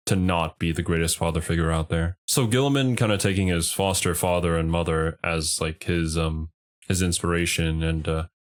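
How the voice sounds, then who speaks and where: A man's voice: low voice, normal speed. A man streaming casual, off-the-cuff reaction commentary in a conversational, musing manner.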